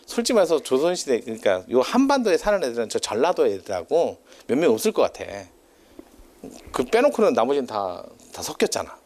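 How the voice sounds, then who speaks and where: A man's voice: medium pitch, huge pitch swings, fairly quick, darkish tone. A man giving a casual classroom lecture, chatty and teasing, drifting into tangents and laughing often.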